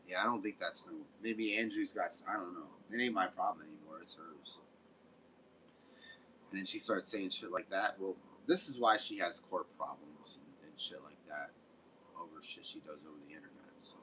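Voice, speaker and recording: A man's voice: deep voice, normal speed, long pauses, sharp tone, slight background noise, rough recording. A man giving casual, rambling gameplay commentary, swearing often. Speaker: game streamer.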